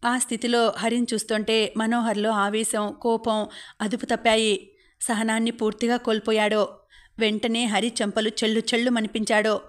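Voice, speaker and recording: Woman narrating an audiobook novel, level tone. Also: a little high. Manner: steady, even reading. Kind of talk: novel reading.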